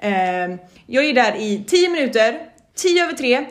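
A woman's voice: a little high, sing-song. A young woman co-hosting a podcast, telling a story in casual chat, swearing a lot and acting out her own reactions. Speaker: podcast co-host.

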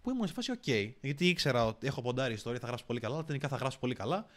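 A young man talking as a podcast guest at a middling pitch. He tells stories with animated, slangy energy and keeps it casual. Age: young adult. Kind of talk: casual storytelling chat.

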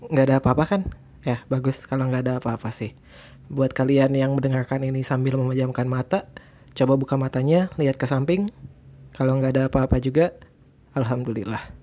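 A man's voice: mid-range voice, fairly even intonation, fairly quick, dark tone. A man with a speech impediment on his r's chats casually as a solo podcast host, hesitant and rambling. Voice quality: speech impediment, cannot pronounce r cleanly (cadel). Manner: hesitant, rambling, self-deprecating.

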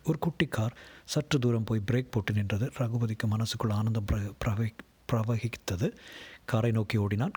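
Husky-voiced man narrating a novel. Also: fairly low pitch, dark tone. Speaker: audiobook narrator. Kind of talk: storybook narration.

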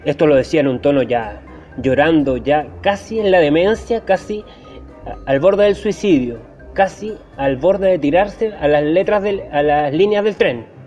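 Deadpan Chilean man, mellow voice. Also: on the high side, moderate pace, muffled recording, faint music behind. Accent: Chilean Spanish. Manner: deadpan, repetitive, exaggerating. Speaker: stand-up comedian. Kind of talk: comic monologue.

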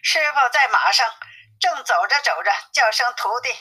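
A woman's voice: a little high, expressive, normal speed, bright, forceful tone, breathy edge, heavily acted, low-quality recording. A woman reading the lines of a greedy, pleading male pig monk in an audiobook story, in a coaxing manner.

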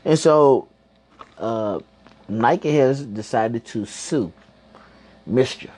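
A man's voice: mid-range voice, very slow, a little mellow, husky. Rambling, slangy man hosting a home podcast. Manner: rambling, slangy, swears freely. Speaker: podcast host. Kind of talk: casual chat.

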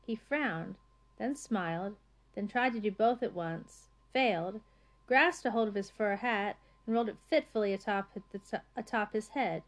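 Woman narrating with measured dryness. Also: medium pitch. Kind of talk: scripted narration of a comic novel.

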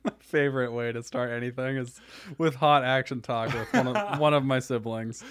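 A man's voice: medium pitch, steady tone, normal speed, fairly bright tone. A man guesting on a comedy podcast, joking wryly in casual banter.

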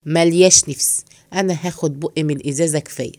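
A woman with an Egyptian accent voicing a scheming, henpecked middle-aged man who plots in hushed tones. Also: fairly even intonation, fast talker, no echo, studio quality, close to an everyday voice. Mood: indignant. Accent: Egyptian Arabic. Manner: low hushed plotting tone.

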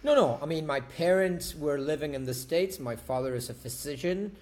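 A man's voice: on the high side, expressive, moderate pace, darkish tone. A man, a guest on an interview, talking casually, laughing and repeating words for emphasis. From Argentina. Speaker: guest, actor and tango dancer.

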